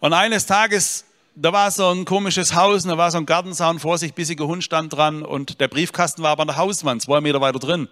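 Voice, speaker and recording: A man's voice: on the high side, steady tone, brisk, a bit bright. A man giving a personal storytelling sermon, talking straight to his listeners with earnest, dry humor. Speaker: speaker giving an inspirational talk. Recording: long hall reverb.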